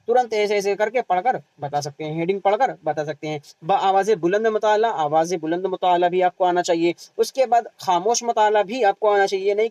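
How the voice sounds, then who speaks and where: Male teacher with an Indian Urdu accent, high-pitched, recorded dry, lecturing for an exam and answering his own questions. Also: darkish tone, no echo, low-quality recording. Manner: asks the class questions and answers them himself; repeats key terms, tag question "hai na".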